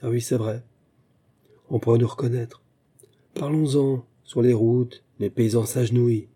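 A man's voice: mid-range voice, fairly even intonation, measured pace, warm tone, husky. A man reading the part of a flighty, whimsical young princess in an audiobook, with a light, chattering manner.

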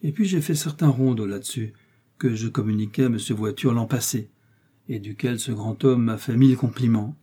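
A man's voice: medium pitch, normal speed, mellow, natural voice. A man voicing a vain, devout young musketeer who speaks politely and modestly. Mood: earnest. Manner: polite, smooth and modest-sounding.

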